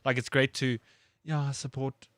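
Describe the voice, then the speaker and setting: A man's voice: medium pitch, flat delivery, measured pace, a bit bright, dry recording. A South African man co-hosting a sports talk show, laid-back and questioning, full of "like" and "dude". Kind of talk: casual sports chat.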